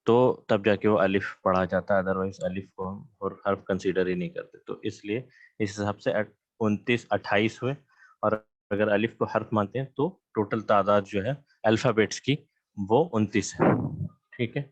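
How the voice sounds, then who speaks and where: With a fairly low voice and fairly even intonation, a man teaches Arabic grammar in an online class, screen sharing and speaking into a computer mic on a video call. He goes over terms patiently and checks in with his students, and the recording is dry.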